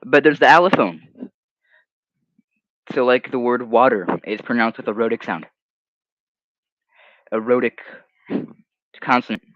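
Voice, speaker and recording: With a measured pace, a mid-range voice and many pauses, a young man whose first language is Hebrew hosts a casual livestream and reads out comments. He's animated and rambling, sometimes sinking into mumbles. There's no room sound on his dry, slightly muffled home mic.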